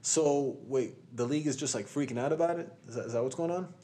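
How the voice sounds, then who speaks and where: A man's voice: mid-range voice, quick pace, dark tone. A young man in casual, teasing banter with a friend, full of frat-bro slang.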